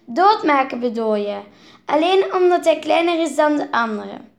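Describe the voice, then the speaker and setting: A woman voicing an upset eight-year-old girl who pleads and shrieks in a high, strained voice. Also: expressive, moderate pace, gravelly. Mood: indignant. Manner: shrill, pleading, rising pitch.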